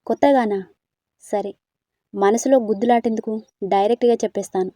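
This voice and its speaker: A woman voicing a gentle, teasing young man in a storybook reading, earnest and coaxing. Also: medium pitch, fairly even intonation, fairly quick, no echo, studio quality, lightly acted.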